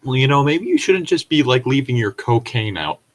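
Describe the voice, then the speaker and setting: This man co-hosts a story read-along, switching between reading aloud and tossing in irreverent, sweary, digressive jokes. His mid-range voice swings widely in pitch, and he moves at a brisk clip.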